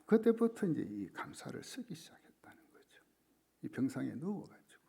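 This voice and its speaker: A man's voice: on the high side, sing-song, moderate pace, gravelly, mellow, slightly rough. A male pastor preaching a sermon, telling a story dramatically and often dropping to a whisper.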